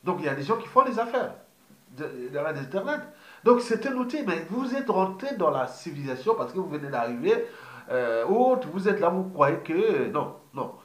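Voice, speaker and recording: A man's voice: a little high, very animated, normal speed, a bit bright. A man in his fifties from Congo, a political activist giving a digressive monologue, full of fillers, restarts and repeated words. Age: 50s. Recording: roomy echo.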